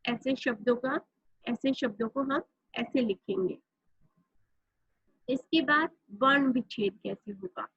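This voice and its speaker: A high-voiced woman teaching grammar at an unhurried pace, checking in with her class after nearly every point. Her voice is a little husky, and the recording is dry and somewhat dull. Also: fairly bright tone, no echo. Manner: explains step by step, often says "theek hai"; spells out words letter by letter. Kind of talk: Hindi grammar lesson.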